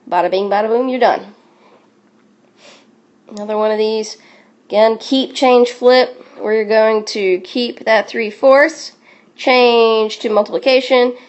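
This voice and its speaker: A woman teaching a recorded sixth grade math review, upbeat and encouraging, with playful catchphrases as she walks through each step. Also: a little high. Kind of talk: recorded classroom review lesson.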